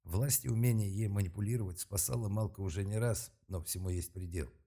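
A man reading an audiobook aloud in a steady, measured way. His voice is very deep and dark, with a husky, breathy grain. The delivery stays calm and even through long narrated passages. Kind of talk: scripted narration.

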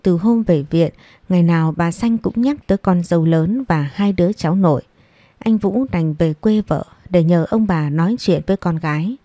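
A woman reading a family story aloud in an even storytelling manner. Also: on the low side, moderate pace, dry recording. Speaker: story narrator. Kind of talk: scripted narration.

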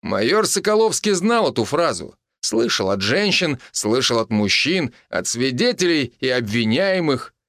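A man narrating a scripted story with expressive, dramatic delivery. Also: medium pitch, a little slow, few pauses, no room sound, clean studio sound.

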